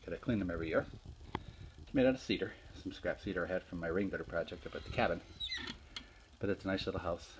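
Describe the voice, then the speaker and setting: Man, very low voice, casual workshop vlog, plain and unhurried, phone camera in a garage, faint hiss. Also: poor audio. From Northeastern Pennsylvania. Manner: plain, unhurried, with fillers and restarts. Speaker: hobby woodworker. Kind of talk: casual show-and-tell vlog. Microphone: handheld phone camera.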